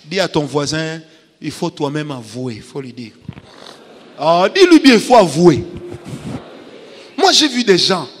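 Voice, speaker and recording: A middle-aged man preaching a lively sermon to young adults, telling stories and breaking into loud, laughing bursts and sung snatches. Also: a little high, unhurried, pauses often, big-room sound, a little hiss or hum. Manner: animated, turns loud and laughing, sings snatches.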